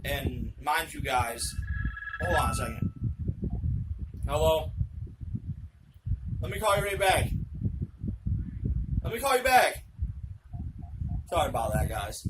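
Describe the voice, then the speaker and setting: A young man, the channel host, telling a true story at home in a rambling, excitable, profane way. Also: medium pitch. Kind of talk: casual spoken storytelling. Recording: loud background noise with clicks.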